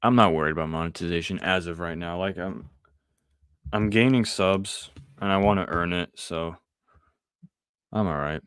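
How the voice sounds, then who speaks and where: A man's voice: deep voice, fairly even intonation, moderate pace, long pauses, a bit bright, clean tone, no room sound, studio quality. A young man hosting a podcast, chatting casually with his live viewers and answering the chat. He drifts between questions and trails off into mumbled asides. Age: young adult. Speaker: podcast host.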